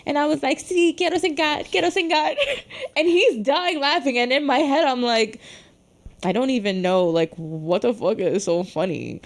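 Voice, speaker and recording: A woman's voice: fairly high pitch, normal speed. A woman co-hosting a podcast, telling a story in casual chat, laughing and cursing, with Spanish phrases mixed in. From Dominican household in the US. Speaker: podcast co-host.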